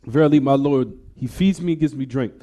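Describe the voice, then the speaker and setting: In a fairly quick, mellow, mid-range voice, a man teaches about hadith. The Islamic teacher mixes English explanation with recited Arabic and keeps asking his students "what?" to check them.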